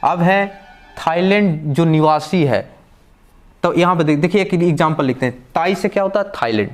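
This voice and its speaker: A man with a fairly high voice teaches beginners in a classroom-style lesson. He asks a question, pauses, and answers it himself over and over. His explanations are patient and go one step at a time. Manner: drills with repeated questions and answers. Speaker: language teacher.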